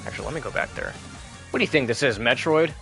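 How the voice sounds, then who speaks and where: Here a man talks fast and animatedly through a video game as a let's play commentator, his sharp, medium-pitched voice carrying vocal fry. He's casual and chatty, rambles, and keeps restarting sentences, with faint music underneath.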